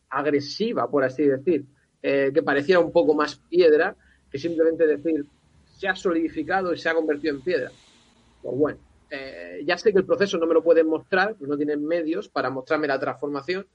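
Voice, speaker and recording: A man with a slightly high voice chats casually about films as a podcast panelist, conversational and prone to exasperated rhetorical asides. The recording is muffled, with no echo.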